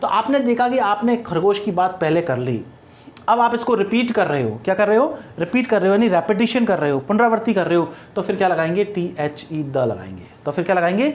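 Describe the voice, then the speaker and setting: A man's voice: sits high, big pitch swings, fairly quick. A male English grammar teacher giving a lesson, repeating key points, posing questions and answering them himself, and dictating example sentences word by word. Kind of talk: classroom-style grammar lesson.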